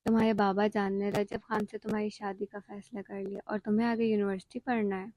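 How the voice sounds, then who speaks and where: A woman voicing a worried, gentle middle-aged mother who coaxes her daughter slowly. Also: mid-range voice, level tone, a little hiss or hum, close to an everyday voice. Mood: coaxing.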